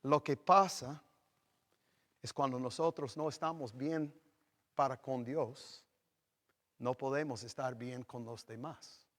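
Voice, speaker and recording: A middle-aged man preaching a sermon as pastor, talking slowly and rising suddenly to loud acted quotes. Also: mid-range voice, fairly even intonation. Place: church sanctuary. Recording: long reverb of a church hall.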